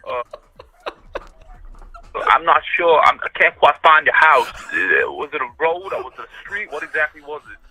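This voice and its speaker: A man's voice: fairly high pitch, big pitch swings, normal speed, pushed and bright, slightly rough, full character voice, low-quality recording. A man on a call-in line playing a pushy pizza delivery guy who keeps talking over the host. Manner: insistent, talks over the host. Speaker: caller.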